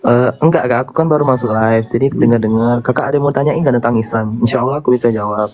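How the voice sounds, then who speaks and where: Fast-talking male caller. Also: mid-range voice, a little mellow. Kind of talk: casual chat.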